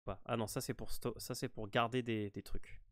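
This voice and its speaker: A man with a French accent talks through a game walkthrough in a loose, unhurried way, pausing often and restarting his sentences. His voice sits at a middle pitch. The sound is dry and close, with no room echo. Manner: relaxed, hesitant, many fillers and restarts. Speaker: gaming walkthrough host. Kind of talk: casual game walkthrough commentary.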